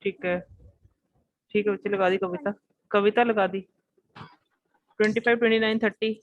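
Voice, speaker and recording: Brisk woman teacher on a video call, dry and muffled lo-fi audio. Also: medium pitch, steady tone, no room sound. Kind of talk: online class roll call and lecture.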